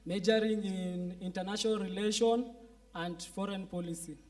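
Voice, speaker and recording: A young man from Kenya speaks on a student panel, feeling his way through ideas with restarts. His voice is quite high for a man and sounds distant from the mic. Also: steady tone, moderate pace, darkish tone. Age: young adult. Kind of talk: panel discussion. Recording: voice picked up from a distance.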